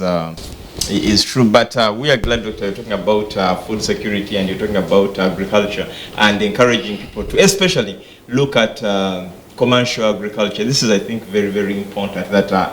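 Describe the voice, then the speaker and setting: Measured male host, low voice. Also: a little hiss or hum. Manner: measured, reflective, many fillers. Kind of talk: studio discussion.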